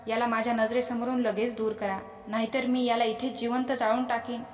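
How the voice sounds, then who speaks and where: A woman's voice: a little high, little pitch movement, fairly quick, lightly acted. A woman voicing a furious, arrogant demon king who barks scornful commands, in an echoey space with a long reverb. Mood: roaring.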